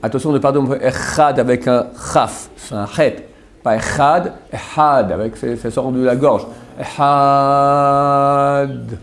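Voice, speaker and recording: A man leads a religious lesson as the teacher. He explains each point step by step and repeats sounds slowly to demonstrate them. He keeps checking that his students follow him. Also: mid-range voice, a little mellow. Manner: addresses students directly with frequent "d'accord?". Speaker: rabbi teaching a class.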